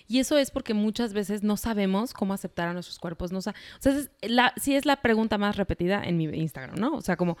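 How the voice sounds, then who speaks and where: A Mexican woman hosting a podcast interview in a studio, chatty, with quick interjections. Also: medium pitch, animated. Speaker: podcast host.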